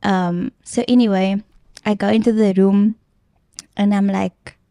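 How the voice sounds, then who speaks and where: A woman's voice: medium pitch, steady tone, unhurried, dark tone, dry recording, clean studio sound. A young woman guest earnestly retelling a personal story in casual chat, with plenty of filler ums. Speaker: podcast guest.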